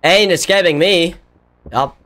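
A young man giving casual, excitable let's-play commentary, often yelling at the game. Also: high voice, a little slow, slight background noise. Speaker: gaming video creator.

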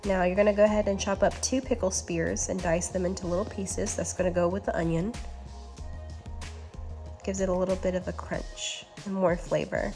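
A woman hosting a cooking channel, talking through recipe steps in a relaxed, instructive voice-over. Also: mid-range voice. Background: faint background music.

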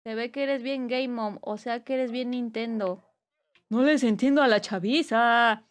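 A woman's voice: fairly high pitch, a little slow. A Mexican woman streaming live, chatting casually and reading chat aloud with playful teasing and bursts of squealing laughter.

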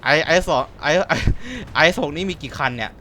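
A man of middle pitch talks through his tank match in casual, excitable commentary, exclaiming and cursing as he plays. Loud game artillery and rumbling vehicles sound clearly behind his voice. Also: fairly quick, a little hiss or hum. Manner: excitable, swears and exclaims often. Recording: voice over loud game gunfire and engines.

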